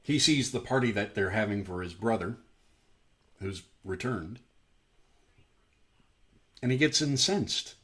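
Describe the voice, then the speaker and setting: His fairly low voice runs a little slow with frequent pauses as he leads a daily Bible study stream. Unpacking a parable, he stays animated and conversational, filling gaps with plenty of "you know"s.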